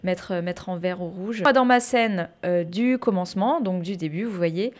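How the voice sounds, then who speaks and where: A woman giving a casual tutorial on streaming software, chatty and full of fillers, calling her viewers "guys". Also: fairly low pitch, normal speed. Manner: chatty, many fillers, addresses viewers as "les gars". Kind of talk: casual screen-share tutorial. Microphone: headset or desk mic with earphones.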